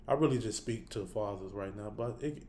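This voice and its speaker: A man's voice: fairly low pitch, brisk, a little mellow, slight background noise. A man talking casually and bluntly to his listeners, cursing freely and thinking aloud, with the hiccups. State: has the hiccups. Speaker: host. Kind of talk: casual spoken reflection to camera.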